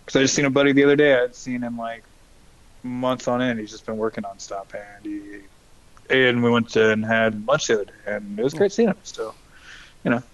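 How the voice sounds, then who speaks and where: A man's voice: medium pitch, a little fast, dull audio. A man co-hosting a podcast in casual, conversational chat. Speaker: podcast co-host.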